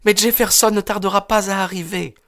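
A man reading an audiobook, voicing a spirited young woman with an energetic delivery. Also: high-pitched, fairly quick, voice pushed up. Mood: determined.

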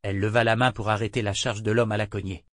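Narrating an audiobook, a man with a voice on the low side keeps a steady, measured storytelling manner. The close studio mic leaves no echo.

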